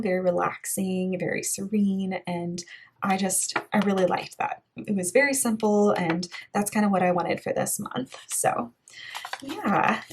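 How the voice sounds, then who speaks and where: A young woman from Bulgaria who talks through her bullet journal pages in a relaxed, chatty voice-over full of "like" and "yeah". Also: mid-range voice, slight background noise. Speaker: art vlogger. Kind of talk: casual voice-over flip-through.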